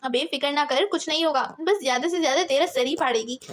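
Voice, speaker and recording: A man's voice: extremely high pitch, fast, fairly bright tone. A woman voicing a carefree young man teasing his friend in an audiobook.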